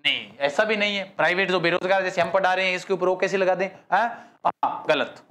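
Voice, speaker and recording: A man's voice: high voice, a little fast, bright, forceful tone. A man teaching a live online quiz class, praising students by name and joking in dialect. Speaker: exam-prep teacher.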